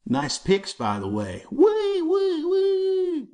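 A man voicing a big menacing schoolyard bully with a high, wavering, twangy voice. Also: wildly swooping pitch, very slow, mellow, exaggerated voice. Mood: taunting.

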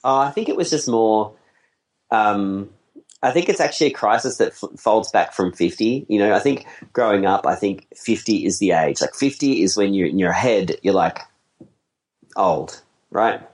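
Speaking at a moderate pace in a lowish, expressive voice, a man in his forties chats casually. He works as a wedding photographer and tends to ramble, laughing readily and poking fun at himself.

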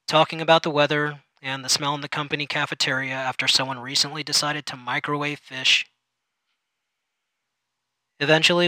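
Sardonic man reading a dark story. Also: fairly high pitch, no echo, rough recording. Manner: sardonic, bitter. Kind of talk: first-person story reading.

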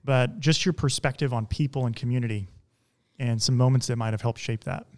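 A man hosting a podcast: he reads a scripted intro, then interviews his guest in a measured, friendly way. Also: medium pitch, no room sound, clean studio sound. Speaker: podcast host.

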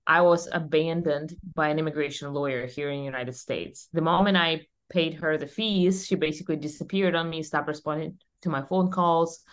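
Low-voiced woman from Russia. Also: normal speed, few pauses. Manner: energetic, emphatic, frequent fillers. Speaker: podcast guest, company founder. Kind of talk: conversational interview.

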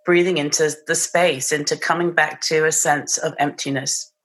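This guest on a podcast interview is a woman from England with a British accent, speaking at a moderate pace in a low, fairly bright voice with fairly even intonation. Reflective and thoughtful, she hunts for the right words and often restarts partway through a phrase.

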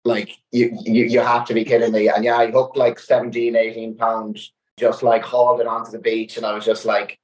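A young man tells a long story in relaxed conversation, peppering it with "like". His pitch stays quite flat and even, and the room around him sounds echoey. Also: a little fast. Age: young adult. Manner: animated anecdote-telling with many "like" fillers. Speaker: guest angler. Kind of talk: casual storytelling.

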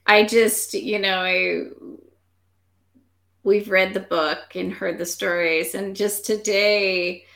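Woman podcast host, earnest, kinda slow, gravelly edge, echoey room. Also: medium pitch, fairly bright tone. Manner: earnest and halting, searching for words. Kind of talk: casual podcast conversation.

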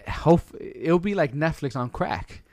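A man's voice: a little high, expressive, a little slow, a little mellow, dry recording. A man hosting a casual podcast chat in slangy, bro-like, colloquial speech. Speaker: podcast host.

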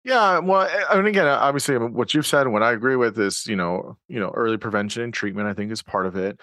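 A man's voice: mid-range voice, fast, fairly bright tone, no echo, clean studio sound. A man hosting a podcast interview, thinking aloud with many fillers and restarts. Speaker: podcast host. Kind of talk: conversational interview.

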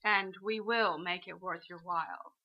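An actress playing a smart, sharp-tongued, easily exasperated woman doctor with a no-nonsense manner in a noir fantasy audio drama. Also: on the low side, unhurried, lo-fi sound. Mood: dry, composed. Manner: no-nonsense, drily scolding.

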